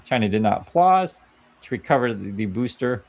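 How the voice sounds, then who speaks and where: Commenting over a played video clip, this Vietnamese man explains things in a relaxed, chatty way, often ending remarks with "right?". His mid-range voice is very animated and slightly mellow, with vocal fry, moving at normal speed.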